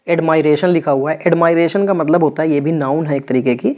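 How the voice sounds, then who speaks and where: A man's voice: on the high side, steady tone, a little fast. Man teaching vocabulary, lo-fi recording. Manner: repeats words with frequent check-ins. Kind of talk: exam vocabulary lesson.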